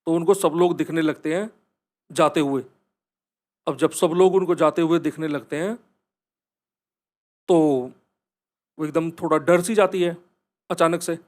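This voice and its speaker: A man's voice: a little high, steady tone, unhurried, long pauses. A man telling a horror story in a casual, conversational way and speaking straight to his listeners. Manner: conversational, addresses listeners directly.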